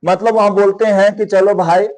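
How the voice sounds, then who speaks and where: High-pitched male teacher. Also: little pitch movement, normal speed, darkish tone. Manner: conversational, repeats and rephrases often. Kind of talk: explaining a Hindi story to students.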